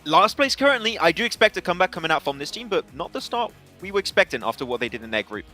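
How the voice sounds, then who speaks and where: A man giving quick, animated analysis at an esports desk, with frequent restarts. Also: high-pitched, faint music behind.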